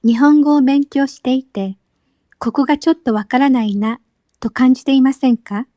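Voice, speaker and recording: A woman teacher giving a scripted lesson, speaking slowly and carefully with clearly spaced phrases, recorded as a voice-over. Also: high voice, warm tone, dry recording. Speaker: Japanese teacher.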